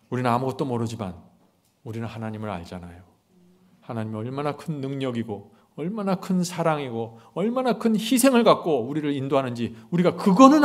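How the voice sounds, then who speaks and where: A man preaching a sermon, speaking as God in plain words, then turning to explain to the congregation. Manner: swings from loud, slow emphasis to quiet, low asides. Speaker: pastor.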